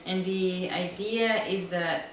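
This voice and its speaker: A woman from Central America speaks slowly and thoughtfully in a fairly low voice, often pausing to find her words. She is recorded in an echoey room with the mic at some distance, and there is a faint hum of ambience behind her. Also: fairly even intonation. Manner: slow and thoughtful, pausing with ums. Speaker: interviewed designer. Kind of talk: interview answers.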